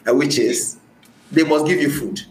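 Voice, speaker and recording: With a fairly high-pitched voice at normal speed, a Nigerian man with a Nigerian accent recounts his experiences as a podcast guest, often repeating phrases to drive points home. It's a conversational interview, recorded with roomy echo, faint music and slight background noise.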